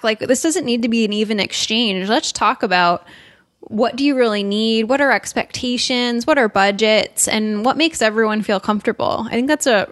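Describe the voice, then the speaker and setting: A woman's voice: medium pitch, a bit bright, no echo, clean studio sound. A young woman co-hosting a podcast, talking casually and giving earnest advice. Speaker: podcast co-host. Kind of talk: casual chat.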